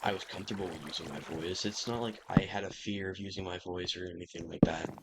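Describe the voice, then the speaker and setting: Low gravelly young man rambling. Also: steady tone, fast talker, very noisy. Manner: rambling, swears casually. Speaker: gaming YouTuber. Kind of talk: casual chat over gameplay. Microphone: computer microphone.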